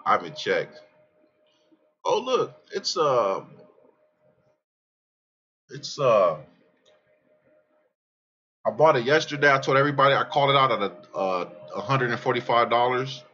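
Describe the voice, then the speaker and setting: A man casually talking through his trading charts in a brash, profane, excitable way, often trailing off mid-sentence and restarting. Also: medium pitch, a little slow, pauses often, lo-fi sound. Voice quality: calls his own voice aggressive. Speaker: crypto trading vlogger. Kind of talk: casual rambling chart commentary.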